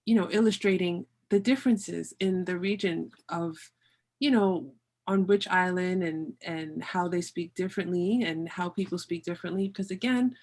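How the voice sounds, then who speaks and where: A woman with a slightly low-pitched voice hosts an interview. She speaks conversationally and emphatically, stressing points by repeating them. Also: moderate pace, a little mellow. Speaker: podcast host, interviewer.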